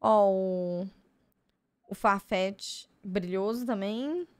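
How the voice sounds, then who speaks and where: A woman's voice: medium pitch, drawn-out words, smooth, no room sound, studio quality. A young woman streamer with a Brazilian Portuguese accent, chatting casually while opening cards and gushing over the art. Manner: gushing, easily excited exclamations. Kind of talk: casual card-opening chat.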